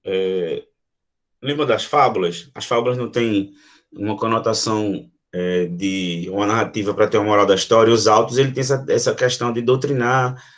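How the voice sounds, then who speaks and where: A man's voice: fairly low pitch, fairly even intonation, normal speed. A man with a Brazilian Portuguese accent, teaching a literature lesson and explaining step by step, with many fillers and frequent check-ins.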